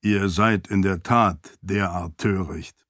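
A man's voice: sits low, flat delivery, measured pace, no room sound, studio quality. A man doing a formal servant spirit. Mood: resigned. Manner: stiff, formal and deferential. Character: dutiful, formal floating light-spirit servant. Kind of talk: audiobook character voice.

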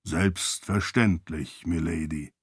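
A man voicing a dry, deadpan elderly male servant who speaks slowly and low. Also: breathy edge, no room sound, heavily acted.

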